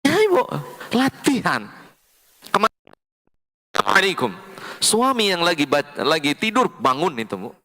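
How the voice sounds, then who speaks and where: A man preaching a sermon to a women's study group. He chants verses slowly and acts out little scenes with quoted voices. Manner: animated, jumps to high emphatic pitch, chants Quran verses slowly. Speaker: Islamic preacher.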